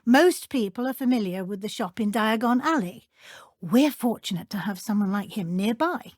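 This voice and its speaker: An actress playing a brisk, stern but encouraging middle-aged British witch professor in a video game, speaking formally and precisely. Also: a little high, dry recording, clean studio sound. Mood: instructive. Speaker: transfiguration teacher. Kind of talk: scripted video game dialogue.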